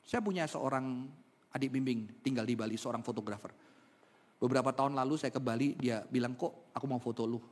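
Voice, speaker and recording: A male pastor with an Indonesian accent preaching an Easter sermon, swinging from emphatic peaks to soft storytelling. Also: medium pitch, brisk. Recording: long hall reverb.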